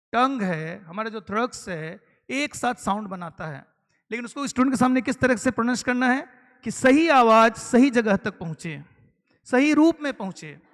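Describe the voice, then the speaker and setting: A man's voice: very high-pitched, fairly bright tone. A man from eastern India training teachers, explaining step by step and asking the audience rhetorical questions. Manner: explanatory, asks rhetorical questions, mixes English terms. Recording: long hall reverb.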